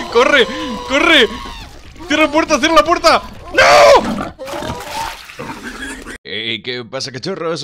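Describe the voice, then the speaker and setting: A man with a Spain Spanish accent, a streamer giving excitable co-op let's play commentary. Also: fairly low pitch, a little hiss or hum. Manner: excitable, yelps and laughs a lot. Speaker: streamer and gaming YouTuber. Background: game music.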